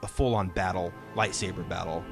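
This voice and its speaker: A podcast host talks casually and enthusiastically in informal, slangy language, his voice low, gravelly, steady in tone, and brisk. Music plays faintly in the background.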